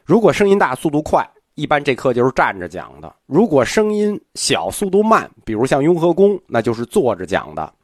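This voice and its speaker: Male lecturer, animated intonation, dry close sound, speaks seated and unhurried. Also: a little high, no echo. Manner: swings between loud-fast and soft-slow delivery; speaking seated, softer and slower today. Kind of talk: history lecture.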